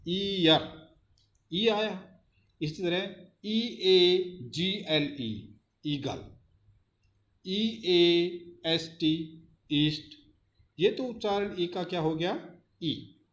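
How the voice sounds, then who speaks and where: Slow, deliberate man teaching phonics. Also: high-pitched, muffled recording. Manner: spells words letter by letter, then says them. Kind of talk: slow phonics lesson for children.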